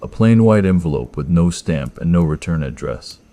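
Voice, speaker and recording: Deep voiced guy reading a creepy horror story, first person, tense and measured. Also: lively intonation, dark tone.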